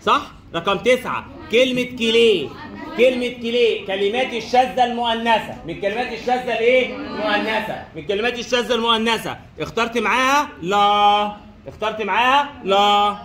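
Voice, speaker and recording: A man's voice: high-pitched, brisk, a bit bright, a faint crowd. A man teaching French in a classroom with an Egyptian Arabic accent, repeating each question and answer as he quizzes his students. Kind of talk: classroom lesson drilling answers. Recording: echoey room.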